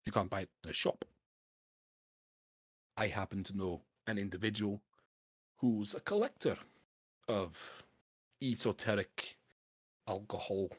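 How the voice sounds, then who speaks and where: A man voicing a stingy, gruff male merchant with a Scottish accent that drifts toward Irish. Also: on the low side, no room sound, clean studio sound, exaggerated voice. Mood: conspiratorial.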